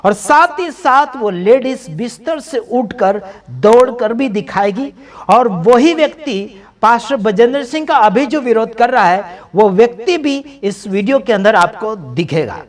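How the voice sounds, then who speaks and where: A man's voice: extremely high pitch, lively intonation, a little slow. A man giving emphatic, preaching-style commentary over video clips, repeating phrases for stress. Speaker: video commentator for a healing ministry.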